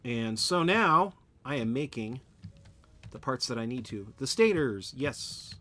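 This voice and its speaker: A man's voice: mid-range voice, lively intonation, measured pace, a bit bright. A man live-streaming a factory-building game, rambling as he builds and chatting with viewers. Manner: rambling, talks to chat while building. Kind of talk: casual live-stream chat while playing.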